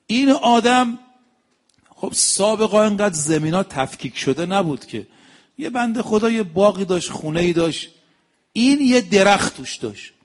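Animated male preacher. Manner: animated, acts out quoted dialogue with shifting pitch and loudness. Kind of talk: religious lecture with storytelling.

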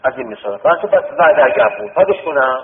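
A man's voice: medium pitch, sing-song, a little hiss or hum. A man teaching a classroom lesson, repeating words and quizzing his students over and over. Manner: repetitive, drilling students with questions. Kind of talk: classroom lesson on Arabic word roots. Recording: tinny lo-fi classroom recording with long reverb.

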